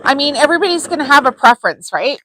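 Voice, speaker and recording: A woman's voice: high voice, expressive, quick pace, bright, forceful tone, a little hiss or hum, poor audio. A woman hosting a live sewing tutorial, talking casually and chattily with frequent ums as she works. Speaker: sewing channel host.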